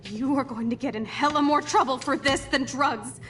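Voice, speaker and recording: A woman's voice: high-pitched, normal speed, a bit bright. An actress playing a brash, defiant young punk woman, slangy and confrontational, in a dramatic video game scene. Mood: alarmed defiance. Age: young adult. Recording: clear background noise with clicks.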